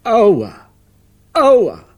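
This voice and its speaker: A man voicing a pompous, hot-tempered male circus director who whines in pain and bellows in rage, with a husky voice. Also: huge pitch swings, slow pace, full character voice. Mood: whining. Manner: whiny, then booming and furious.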